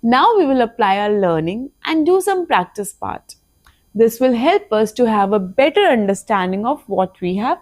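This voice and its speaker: A woman from India, teaching a language lesson and slowly repeating each phrase twice. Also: a little high, a little mellow, no room sound. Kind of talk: slow spoken language lesson.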